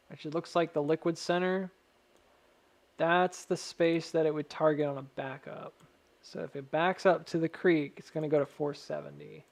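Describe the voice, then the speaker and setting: A man with a slightly high voice talks through technical analysis casually, as if thinking aloud. His s sounds carry a faint whistle, and his delivery is measured and careful, qualifying points as he goes. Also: gravelly, darkish tone. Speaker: stock chart analyst addressing viewers. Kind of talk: casual technical chart commentary.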